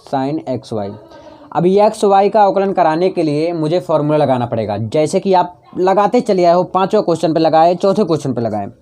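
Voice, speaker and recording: Mellow-voiced man teaching maths step by step. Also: fairly high pitch. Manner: asks rhetorical questions and answers them himself; coaxing, repeats steps to drive them home. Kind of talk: chalk-and-talk tutorial explanation.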